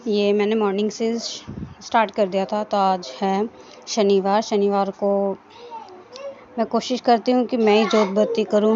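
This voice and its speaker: A woman's voice: mid-range voice, a little mellow, dull audio, a little hiss or hum. A woman narrating her daily home vlog in a homely, talkative, rambling way. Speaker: daily vlogger. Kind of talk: casual chatty vlog narration. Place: family home.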